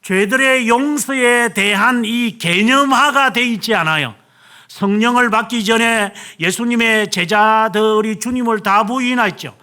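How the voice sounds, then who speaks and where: A man's voice: high-pitched, sharp tone. A male pastor preaching a sermon, retelling scripture dramatically and acting out quoted lines. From South Korea.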